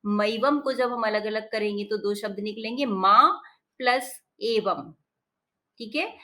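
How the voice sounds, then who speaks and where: A woman's voice: mid-range voice, normal speed. A woman teaching a textbook lesson, patiently explaining each word's meaning and repeating it. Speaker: Sanskrit teacher.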